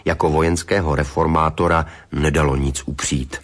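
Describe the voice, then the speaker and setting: A man's voice: extremely low pitch, little pitch movement. A man narrating a historical documentary in a dry, matter-of-fact way.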